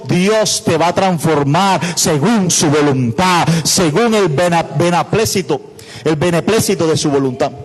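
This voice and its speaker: A male pastor delivers a sermon in a high voice, building his points through repetition and calls out to the congregation. His voice rings with the long reverb of a church hall.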